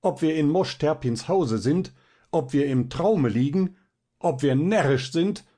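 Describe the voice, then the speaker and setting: A man's voice: a little high, lively intonation, a little slow, mellow, pitched above the performer's own voice. A man voicing a frantic, jealous young male student in a storybook reading, talking in a pleading, agitated way.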